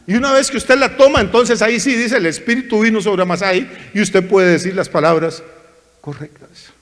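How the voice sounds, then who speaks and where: High-voiced preacher in an echoing church. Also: male voice, normal speed. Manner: animated, acts out mocking voices of churchgoers and preachers. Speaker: pastor. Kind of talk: sermon.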